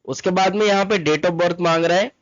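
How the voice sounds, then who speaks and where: A man from Mumbai, India, a travel agent, narrates an informal step-by-step screen tutorial in a dull-sounding, higher-pitched voice, steady and at moderate pace. He repeats steps and code-mixes English terms. The voice-over is a dull, lo-fi, close, dry recording with no room sound.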